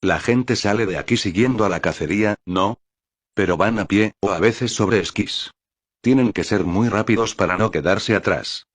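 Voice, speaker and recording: A man's voice: lowish voice, moderate pace, no room sound, lightly acted. An actor playing an eager, restless young man who argues persuasively for his plan.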